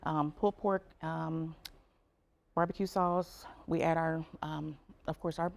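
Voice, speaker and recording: A woman speaking as a restaurant manager in a casual cooking interview, haltingly and repeating herself. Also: sits low, steady tone, gravelly.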